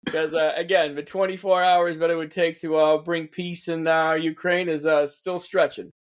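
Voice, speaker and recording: A man's voice: a little high, little pitch movement, normal speed, clear, resonant tone. A man co-hosting a casual satirical news podcast, sarcastic and laughing often. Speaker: podcast co-host.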